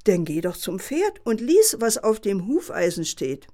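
A woman's voice: medium pitch, very animated, measured pace, dark tone. A woman voicing a cunning, smug male fox in a children's story, speaking in a wheedling tone with feigned innocence. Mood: sly, scheming.

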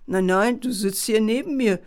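A woman's voice: medium pitch, moderate pace, darkish tone, natural voice. A woman voicing a young boy who is puzzled and down-to-earth, speaking matter-of-factly.

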